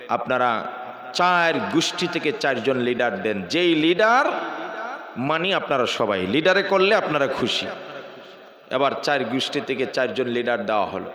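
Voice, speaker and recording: A man preaching a sermon in a storytelling manner that builds into shouted fervor, over loudspeakers at a large gathering. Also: mid-range voice. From Bangladesh. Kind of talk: sermon at an outdoor religious gathering. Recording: echoey hall, public address sound.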